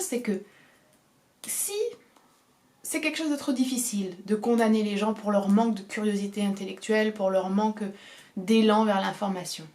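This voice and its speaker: A woman's voice: medium pitch, a little mellow. A young woman from southern France with a southern French accent, giving an earnest, emphatic opinion monologue and repeating her key phrases. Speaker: video essayist.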